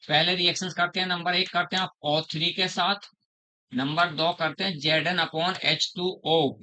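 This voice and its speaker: A middle-aged man teaching a chemistry class, slowly repeating terms, quizzing his students and calling them "beta". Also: on the high side, pushed and bright, poor audio. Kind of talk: classroom lecture.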